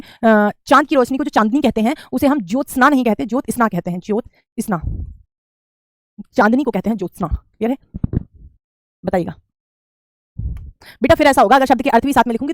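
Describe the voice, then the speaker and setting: A woman's voice: fairly high pitch, dry recording, clean studio sound. A woman, teaching Hindi spelling in an online class, repeating each word and calling students beta. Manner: repetitive drilling, calls students beta.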